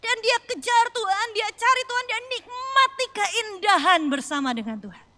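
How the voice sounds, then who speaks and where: A young adult woman pastor delivering a sermon in a very high, bright voice. She tells stories with animated energy, jumping from loud outbursts to soft, hushed reflection. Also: normal speed. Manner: animated storytelling, lively swings between loud exclamations and soft reflective lines.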